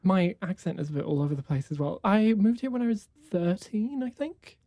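This is a dry, dull-sounding recording of a young conducting student from New Zealand, a native Afrikaans speaker appearing as an interview guest. Her medium-pitched voice is expressive and enthusiastic, though halting and full of fillers.

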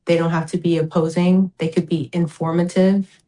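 Woman from American Samoa, fairly low voice, earnest and measured interview guest speaking up for her community. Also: little pitch movement, warm tone, poor audio. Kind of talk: interview answers.

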